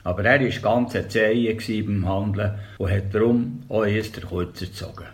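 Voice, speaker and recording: With a lowish voice and moderate pace, an elderly storyteller from the Bernese Oberland reads aloud from his memoirs and dialect stories. His Bernese German accent comes through as he reads calmly.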